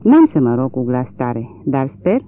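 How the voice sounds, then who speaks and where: Un bărbat care dă glas unui judecător bătrân și fragil, neliniștit și ezitant. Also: male voice, medium pitch, huge pitch swings. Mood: troubled. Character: old, frail, troubled country judge. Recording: tinny lo-fi narrow-band recording.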